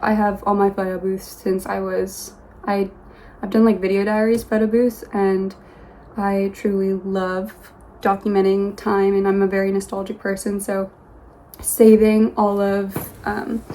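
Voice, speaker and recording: Filming a get-to-know-me vlog on her phone, a young woman from Los Angeles talks from a yoga mat in her bedroom. She speaks softly at a medium pitch with a flat delivery, rambling, pausing and starting over often, all on a low-quality recording.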